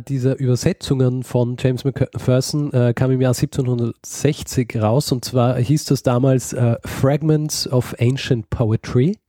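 Mellow-voiced man telling history casually. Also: medium pitch, dry recording, studio quality. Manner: hesitant, many fillers and restarts, laughs easily. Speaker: podcast co-host. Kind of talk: casual history podcast storytelling.

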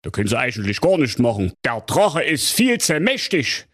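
A man voicing a pompous, officious police inspector in a comic fairy tale, with a slow, know-it-all drawl. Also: mid-range voice, big pitch swings, fairly bright tone, pitched above the performer's own voice. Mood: smug.

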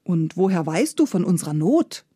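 A woman's voice: fairly low pitch, very animated, normal speed, dark tone, husky, dry recording, clean studio sound. A woman voicing a poor, desperate peasant father of thirteen, speaking earnestly.

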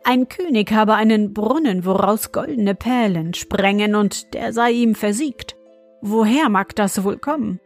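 A woman voicing a kind but brisk young wife in an ogre's house, urgent and bossy. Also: mid-range voice, faint music behind. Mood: coaxing.

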